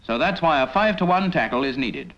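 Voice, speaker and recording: A bit bright and medium in pitch, the voice moves in a sing-song way at a slightly fast pace. It belongs to a British man narrating a scripted 1950s military training film, addressing the trainee directly with instructive, didactic rhetorical questions, heard on a dull 1950s soundtrack.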